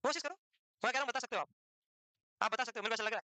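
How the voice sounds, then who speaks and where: Lecturing a live nursing class, a fast-talking man with a strikingly high, bright voice pokes fun at his students and pushes them with quick-fire questions. He's recorded up close, dry, with hardly any echo.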